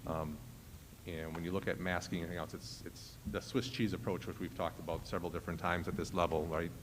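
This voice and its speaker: Low-voiced man in an echoey hall. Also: level tone, quick pace. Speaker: school official advising the board. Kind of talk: meeting discussion. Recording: echoey hall with faint noise.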